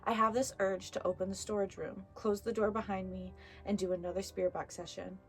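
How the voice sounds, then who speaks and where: This woman hosts a casual, chatty video about a haunted doll, reading stories and talking playfully to viewers and the objects around her. Her mid-range voice is level and brisk, with faint music behind it.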